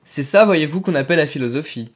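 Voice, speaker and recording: A man's voice: a little high, expressive, fast. A man reading aloud, voicing a jovial army captain who talks in a hearty, breezy way.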